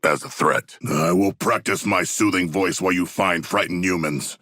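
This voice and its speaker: A man playing a hulking, proud humanoid shark warrior in a video game, speaking in stilted, grandiose formal phrases with a gravelly voice. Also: sits low, moderate pace, pushed and bright, no echo, clean studio sound. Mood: earnest, solemn. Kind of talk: video game character dialogue.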